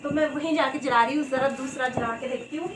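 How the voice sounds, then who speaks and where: A woman vlogger with a hoarse voice chatting casually to her viewers, filming on a phone at her home at night. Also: high voice, steady tone, fast talker. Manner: chatty, talks straight to viewers. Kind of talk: casual festival vlog narration. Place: home at night, indoors and outside. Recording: noisy with crickets behind. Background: crickets and insects chirping.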